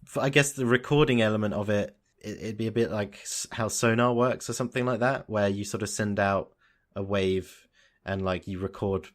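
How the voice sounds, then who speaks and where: A man's voice: on the low side, moderate pace. Hesitant young man podcast co-host. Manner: hesitant, thinking aloud with many restarts. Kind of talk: casual chat.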